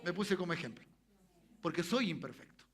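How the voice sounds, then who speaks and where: A Chilean man preaching from a church pulpit, his voice pitched high and bright. He talks animatedly and keeps asking the congregation to say amen. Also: expressive, fairly quick, husky. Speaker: pastor. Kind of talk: sermon. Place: church sanctuary.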